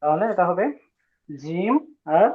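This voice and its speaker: High-voiced man teaching over a tinny line. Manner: patient, drawn-out demonstration of sounds, calls on students. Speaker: Arabic alphabet teacher. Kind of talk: online class teaching pronunciation.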